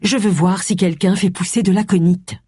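Un lecteur de livre audio prête sa voix à une détective d'une cinquantaine d'années, nerveuse et prompte à s'emporter. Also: female voice, fairly low pitch, steady tone, normal speed, mellow, slightly rough, no echo, clean studio sound, voice pushed up. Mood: tendue. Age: 50s. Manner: tense, emotional outbursts. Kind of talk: audiobook character voice.

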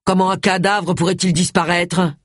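A narrator voicing a grumpy middle-aged male police inspector who barks curt orders, with a husky voice. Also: mid-range voice, little pitch movement, moderate pace, no room sound, studio quality, natural voice. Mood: gruff, irritated. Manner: barking, curt.

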